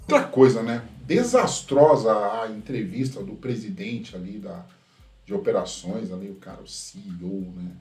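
Mellow man in a roomy echo. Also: on the low side, animated, normal speed. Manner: critical, tags sentences with a questioning "right?". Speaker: host, tech commentator. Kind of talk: casual opinion commentary. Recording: roomy echo from a distant mic.

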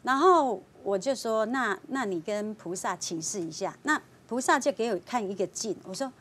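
A woman, a fortune-teller guest on a talk show, telling a story in a lively way and acting out the voices of the people in it. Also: medium pitch, moderate pace, husky. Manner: lively storyteller, voicing clients and police.

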